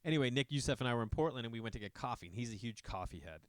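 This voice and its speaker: A man's voice: medium pitch, lively intonation, rapid-fire, smooth, dry recording, clean studio sound. A middle-aged man from Massachusetts hosting a podcast, rambling casually with profane asides to his listeners. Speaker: podcast host. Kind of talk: casual monologue.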